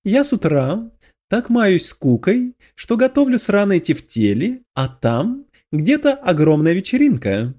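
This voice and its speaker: Man doing a raised, lively voice for a wry young demon woman, audiobook. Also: high-pitched, a little slow, voice pushed up, full character voice.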